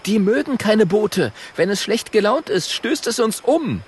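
An excitable young dragon from a children's audiobook, voiced by a male narrator, calling out warnings in a much higher, louder voice. The tone is urgent and lively. Faint noise sits under the recording. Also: a little slow. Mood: alarmed.

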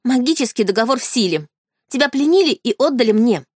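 Audiobook heroine: woman reader as a desperate wife, urgent and shaken, pitched up and louder than the narration. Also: lively intonation, a little fast, breathy edge, no room sound, clean studio sound. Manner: urgent, pleading, agitated. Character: desperate young wife, frantic and furious. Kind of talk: audiobook character reading.

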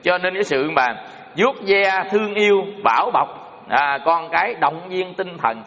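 A man delivers a homespun moral talk to an audience, circling back on his words with plenty of fillers. His voice sits a little high for a man. The recording is dull and lo-fi, with a long reverb hanging around him. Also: animated, normal speed, bright, forceful tone. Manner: homespun, repetitive, full of fillers. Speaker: speaker addressing an audience. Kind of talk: moral talk with folksy storytelling. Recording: dull lo-fi sound in a reverberant hall.

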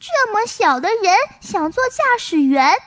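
A woman's voice: extremely high pitch, sing-song, measured pace, fairly bright tone, exaggerated voice. A woman voicing a gullible little boy who talks with eager, childish pleading.

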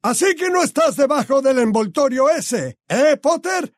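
A man voicing a brutal male Death Eater henchman who shouts in a high, strained voice. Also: normal speed, no room sound, studio quality. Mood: shouting.

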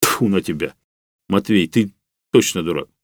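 A man's voice: low voice, moderate pace, no echo, studio quality. A man voicing a blunt, exasperated young fellow who talks in a colloquial, emphatic way.

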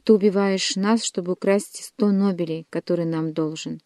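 A woman's voice: fairly low pitch, steady tone, moderate pace, dark tone, no echo, studio quality, lightly acted. A woman reading aloud and voicing an elderly father who frantically begs for his son's life. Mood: accusing. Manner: begging, frantic. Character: desperate elderly father pleading for son.

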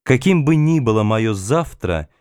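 A man reading a novel aloud in the first person, in a measured, calm literary narration. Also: mid-range voice, dry recording, clean studio sound. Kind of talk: audiobook narration.

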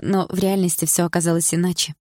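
A woman reading an audiobook in steady, even storytelling narration. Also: on the low side, quick pace, no echo, clean studio sound. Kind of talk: scripted narration.

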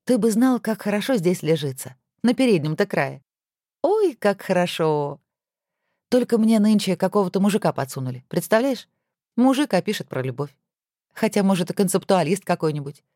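A woman voicing a lively, witty wife who is an editor, with playful exclamations. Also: mid-range voice, a little fast, no room sound, studio quality, voice pushed up.

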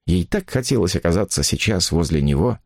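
Expressive male audiobook reader. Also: deep voice, creaky, no echo, clean studio sound. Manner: expressive, measured storytelling. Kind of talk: audiobook narration.

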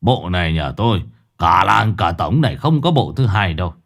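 A man's voice: deep voice, expressive, normal speed, gravelly, fairly bright tone, voice pushed down, exaggerated voice. A man voicing a boastful, scheming old village con man who squeals and whines when he gets caught. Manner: bragging, then squealing and whining when caught.

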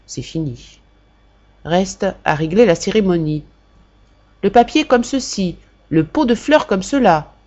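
A woman reading a classic novel aloud for a volunteer audiobook, in a measured, expressive first-person narration. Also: fairly low pitch, dull audio.

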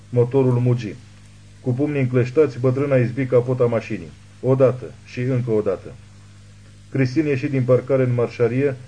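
Mellow-voiced male audiobook narrator. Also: mid-range voice, low-quality recording. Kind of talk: scripted narration.

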